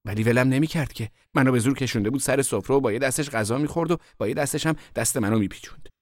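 A man narrating a first-person story in a relaxed, conversational storytelling manner. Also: mid-range voice, dry recording, studio quality.

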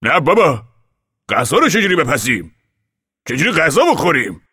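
A man's voice: fairly high pitch, sing-song, pushed and bright, breathy edge, no echo, studio quality, pitched above the performer's own voice, heavily acted. Man doing a weary farmer father. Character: steady, weary middle-aged farmer father.

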